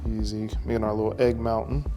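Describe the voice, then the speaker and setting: A man's voice: lowish voice, little pitch movement, fast talker, over music. A man hosting a casual cooking tutorial, talking the viewer through each step with playful, jokey asides. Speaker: cooking video host.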